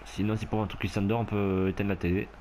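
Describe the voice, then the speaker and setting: Talking quickly with a fairly low pitch, a man gives loose commentary on a rugby video game he's playing himself. He's excitable throughout, shouting and cracking up at what happens on screen.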